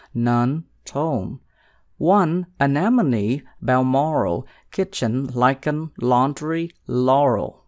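A reader recites a poem at a very unhurried pace. Each word is set apart and weighed with care. The voice sits at a middle pitch. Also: darkish tone. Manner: deliberate, word-by-word delivery. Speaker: poetry reader.

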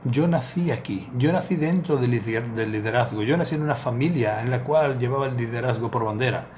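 Here the middle-aged rabbi speaks a little fast, his medium-pitched voice darkish in tone, as he teaches Torah in a small study full of bookshelves. He tells a parable earnestly and repeats words for emphasis, and his desk webcam picks up a little hiss or hum.

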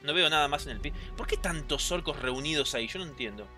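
A man with a Rioplatense Spanish accent giving chatty, excitable gameplay commentary, reading game lines aloud and answering chat. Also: a little high, fast talker, music in the background. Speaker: gameplay streamer.

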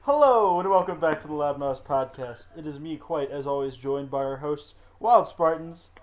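A young man with a slightly raised voice and a slightly stuffy nose, chatting excitably on a casual podcast. He swears freely and laughs a lot. He is recording from his bed on a desktop microphone. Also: fairly high pitch, normal speed. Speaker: podcast host. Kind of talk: casual chat. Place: in bed at home. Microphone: desktop USB microphone.

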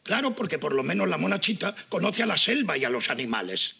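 A gravelly sarcastic old husband. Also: male voice, a little high, sing-song, fast talker, bright, forceful tone, exaggerated voice. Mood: wry. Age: older. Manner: sarcastic, talks to camera. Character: grumbling older husband, sarcastic and fussy. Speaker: sitcom husband. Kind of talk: sitcom acting.

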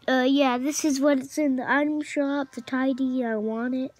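A young woman chatting casually while playing a video game, excitable and chatty, shouting at opponents now and then. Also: high voice, moderate pace, dry recording, soft background music. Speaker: gamer. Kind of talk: casual gameplay commentary.

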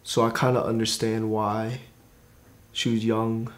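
A man's voice: fairly low pitch, little pitch movement, unhurried. A teenage boy born in Korea, answering interview questions plainly and a little hesitantly, in a studio. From born in Korea, raised in New York. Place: studio against grey backdrop.

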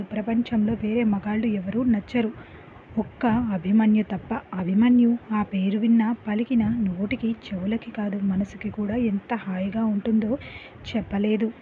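A woman narrating a story in the first person, chatty, with conversational asides to the listener. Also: fairly high pitch. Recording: phone-like lo-fi with faint hiss.

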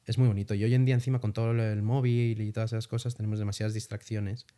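Young man telling stories, mellow voice. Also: fairly low pitch, quick pace. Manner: animated storytelling with casual swearing. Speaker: interview guest. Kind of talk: casual podcast interview.

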